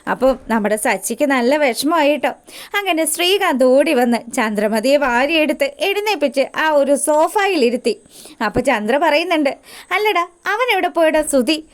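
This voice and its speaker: A woman's voice: high voice, lively intonation, moderate pace. A woman casually retelling a TV serial episode in a chatty, folksy way. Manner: chatty, folksy narration addressing listeners as 'our'. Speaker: storyteller recapping a TV serial.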